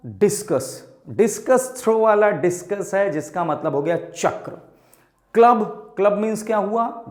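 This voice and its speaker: Male vocab teacher, high voice, slow deliberate delivery, roomy echo. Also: a little mellow. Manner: addresses students as children, asks questions and answers them himself; spells out and repeats words slowly. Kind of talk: vocabulary lesson for exam students.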